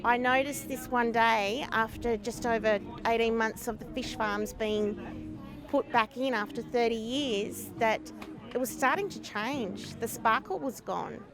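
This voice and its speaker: A woman's voice: fairly high pitch, a little slow. A woman local resident speaking reflectively in an interview. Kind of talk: interview comment. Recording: voice over music and crowd.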